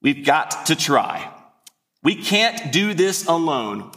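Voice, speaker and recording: A man's voice: on the high side, sing-song, takes it slowly, sharp tone, full character voice. A man acting out a determined medieval male rebel leader, urging his men in a sermon. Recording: long hall reverb.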